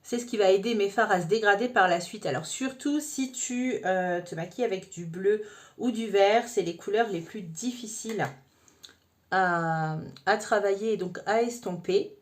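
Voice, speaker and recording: A woman's voice: mid-range voice, moderate pace. Chatty woman giving a makeup tutorial. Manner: chatty, addresses viewer informally with frequent "hein". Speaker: makeup vlogger.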